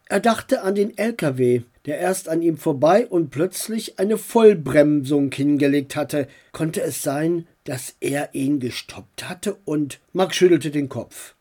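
A woman reading a children's story aloud as narrator. Her delivery is calm, slow and measured. The tone is soft and mellow. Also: low-pitched, husky.

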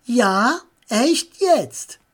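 A woman voicing an excitable, quick-tempered young boy in a read-aloud children's story. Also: high voice, voice pushed up. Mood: cocky.

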